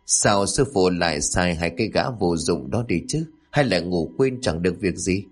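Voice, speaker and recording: A man's voice: low-pitched, expressive, normal speed, breathy edge, faint music behind. A man voicing a scheming, frightened village woman who snaps back defensively in a horror story. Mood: impatient.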